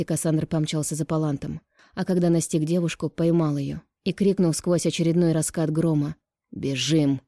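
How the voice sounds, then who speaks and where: A woman narrating an audiobook in a calm, even reading voice. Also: sits low, dry recording, clean studio sound.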